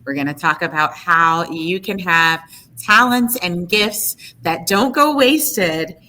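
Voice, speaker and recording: Podcast host, woman, crisp bright tone, lower pitch, enthusiastic. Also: takes it slowly. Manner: upbeat, enthusiastic. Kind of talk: podcast interview hosting.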